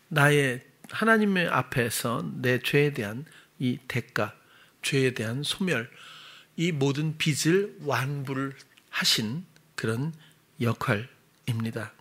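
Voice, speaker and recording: A middle-aged male pastor preaching a sermon in a conversational way, working through sums aloud with fillers and self-corrections, rising louder on key points and dropping soft again. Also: expressive, takes it slowly. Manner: swells louder and higher on key gospel points, then drops soft.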